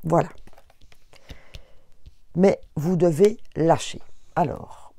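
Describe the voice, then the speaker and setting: A woman's voice: low-pitched, lively intonation, slow pace, mellow. A woman with a Belgian French accent giving a casual astrology card reading, speaking straight to her viewers with many fillers and restarts. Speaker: tarot reader.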